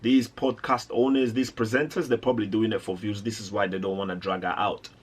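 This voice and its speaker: A man's voice: lowish voice, little pitch movement, a little fast, slightly rough. A man hosting a reaction video, giving indignant, rambling commentary with lots of restarts.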